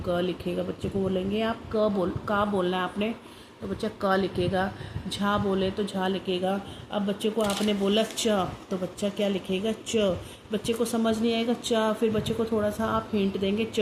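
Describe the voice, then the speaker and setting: A woman primary teacher giving an instructional lesson to parents and children, drilling letters one by one in a slow, deliberate way. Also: mid-range voice. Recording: noisy background hiss.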